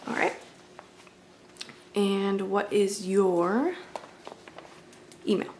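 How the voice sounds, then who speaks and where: A woman with a mid-range, somewhat dark voice speaks with fairly even intonation and drawn-out words, over a faint hiss or hum. In an ASMR roleplay, she plays a friendly, accommodating video game store clerk, chatting casually, politely and apologetically as in a relaxed customer-service exchange.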